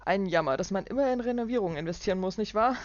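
A woman reading a book aloud and voicing a stout, condescending businessman in his fifties who is loud and falsely jovial. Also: mid-range voice, animated, racing, dry recording, voice pushed up, natural voice. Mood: mocking. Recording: dull lo-fi dry recording.

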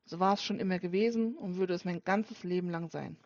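A woman narrating a first-person audiobook in a calm, subdued storytelling manner. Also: fairly low pitch, brisk, no echo. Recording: dull dry lo-fi recording.

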